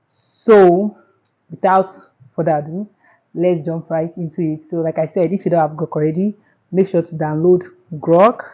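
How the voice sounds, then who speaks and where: Nigerian woman with a dark, mellow voice. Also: on the low side, fairly even intonation, normal speed, muffled recording. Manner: chatty, repeats herself, step-by-step. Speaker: tutorial host. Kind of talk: casual screen tutorial.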